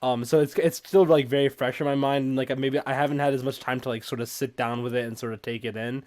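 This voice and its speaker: A man's voice: mid-range voice, fairly even intonation, fast talker, darkish tone. A young man hosting a casual podcast chat, rambling with lots of fillers. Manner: rambling, many fillers, laughs often. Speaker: podcast host.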